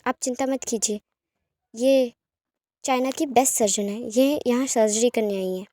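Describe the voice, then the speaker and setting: A woman voicing a brisk young personal secretary who reassures firmly and gives orders. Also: a little high, mellow, natural voice. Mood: reassuring. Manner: firm, reassuring, commanding.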